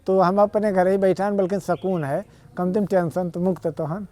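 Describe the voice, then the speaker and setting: A man's voice: high voice, fairly even intonation, normal speed, mellow. A man with an Awadhi accent, a guest in a TV interview, arguing his points earnestly in long rambling explanations. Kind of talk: conversational interview.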